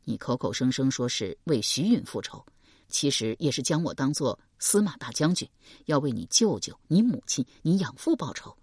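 A woman voicing a gentle, wounded young man in an audiobook, speaking softly and tenderly. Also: extremely low pitch, very animated, moderate pace, breathy edge, no echo, clean studio sound, heavily acted. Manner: soft, tender.

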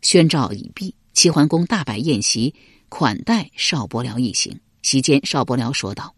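A woman narrating a historical novel as an audiobook, in an expressive storytelling way. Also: a bass voice, moderate pace, husky, no room sound, clean studio sound. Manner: dramatic, expressive.

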